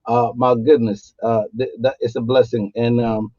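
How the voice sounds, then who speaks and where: Husky man hosting an interview. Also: mid-range voice, little pitch movement, moderate pace, dark tone, no room sound, muffled recording. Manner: hesitant, many fillers. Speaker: show host.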